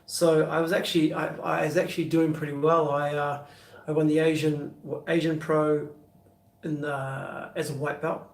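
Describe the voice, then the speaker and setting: A man's voice: on the high side, flat delivery, moderate pace. A man in his fifties with a New Zealand accent, chatting casually on a live stream and answering viewers' questions in a loose, rambling way, full of fillers and restarts. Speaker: beer vlogger answering live chat. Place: bedroom, indoors. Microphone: phone on a stand at arm's length. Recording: echoey room, phone mic from a distance.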